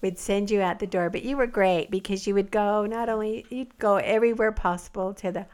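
Older woman, grandmother, flat steady voice, casual chat, chiming in. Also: medium pitch, a little fast, clear, resonant tone.

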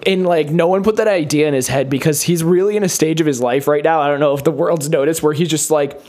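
A man with a slightly high voice chatting on a podcast. He rambles loosely, leaning on "like" between thoughts. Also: fast talker, a little mellow. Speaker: podcast co-host. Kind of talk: casual chat.

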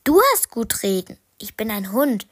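A woman voicing a gentle, thoughtful small female dog in a storybook, soft and calm. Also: on the high side, normal speed, dry recording, studio quality. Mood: wry.

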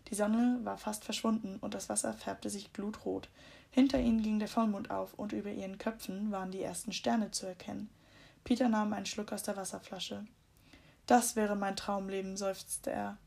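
A woman reads a children's story aloud in a calm, storytelling manner. Her voice has a gravelly fry running through it. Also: medium pitch, normal speed. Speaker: audiobook narrator. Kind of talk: scripted children's story narration.

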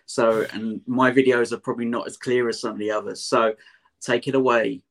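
Male interview guest, Essex accent, gravelly voice, casual and direct delivery. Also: mid-range voice, little pitch movement, a little fast, a bit bright. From Essex, near London, England. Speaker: podcast guest.

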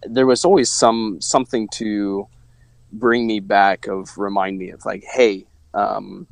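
A man from Missouri talks through his story in a low voice, circling back with fillers and restarts. His speech sounds dry and close, with no room around it. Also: gravelly, no room sound. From Missouri, USA. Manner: reflective, rambling with many fillers and restarts. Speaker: interview guest. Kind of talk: casual faith-based conversation.

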